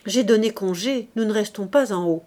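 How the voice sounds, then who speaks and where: A woman's voice: mid-range voice, moderate pace, mellow, close to an everyday voice. A woman reading the lines of a young working-class husband who answers his sister-in-law with irritation. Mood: timid. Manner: retorts with irritation. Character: young working man, newly married, sulky and defensive.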